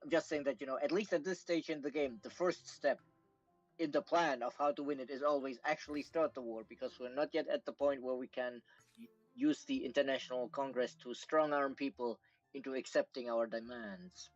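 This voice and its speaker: A man's voice: mid-range voice, steady tone, fairly quick, no echo, highs cut off, soft background music. A man co-hosting a live game stream, explaining strategy in a dry, wry way over a remote call mic. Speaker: co-host giving strategy advice. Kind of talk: casual live-stream commentary.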